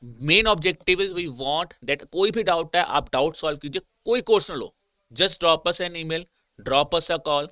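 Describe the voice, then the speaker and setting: A man's voice: a little high, unhurried, bright, forceful tone, dry recording. A young Indian man teaching exam preparation, mixing Hindi and English in a direct coaching tone and often checking in with "guys". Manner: switches between Hindi and English, direct, repeats "guys" and "ठीक है". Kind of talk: online exam coaching talk.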